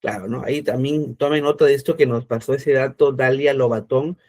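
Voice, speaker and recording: A man's voice: medium pitch, steady tone, brisk, darkish tone. A man teaching an online class, explaining step by step and checking in often with his students.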